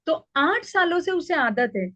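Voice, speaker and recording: High, dry-voiced woman, parenting coach, patient explainer, dull call audio. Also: unhurried, no room sound. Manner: calm, explanatory, acts out child and mother lines. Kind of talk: online parenting class.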